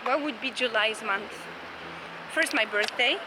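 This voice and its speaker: A woman's voice: a little high, a little slow. A woman in her twenties vlogging outdoors on a city street, chatting casually in a playful, teasing way. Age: 20s. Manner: playful, teasing, bursts into laughs. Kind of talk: casual chat. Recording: loud crowd and street noise. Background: crowd and traffic.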